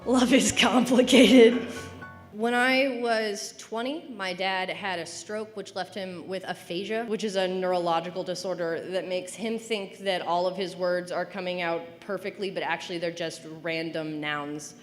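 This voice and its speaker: A young woman in her twenties telling a stand-up story at an open mic, dry and deadpan with mock-cheerful asides. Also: fairly low pitch, normal speed, hardly any pauses, in a large hall, soft background music.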